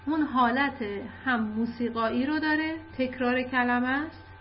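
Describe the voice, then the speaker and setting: A woman's voice: sits high, dull audio, slight background noise. A woman teaching literature in a casual, conversational way, explaining with examples and light asides.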